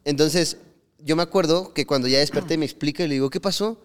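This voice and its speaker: Young mexican guy on a podcast, clear voice, long reverb, slangy storytelling. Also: on the high side, fairly even intonation, quick pace. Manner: slangy storytelling, acts out quotes. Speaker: podcast co-host. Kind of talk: casual chat.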